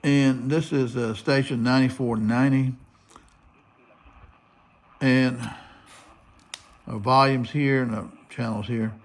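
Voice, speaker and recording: This US hobbyist's mid-range voice comes slowly, with long pauses and fairly even intonation, as he demonstrates a radio receiver. It's a hands-on, unscripted tutorial where he describes what he's doing as he does it. Behind him, shortwave static and a noisy broadcast crackle.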